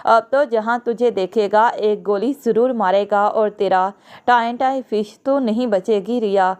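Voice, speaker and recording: Defiant, frightened young woman in a storybook reading; a woman narrator reads her in a clear voice. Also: mid-range voice, darkish tone, close to an everyday voice. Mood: anxious.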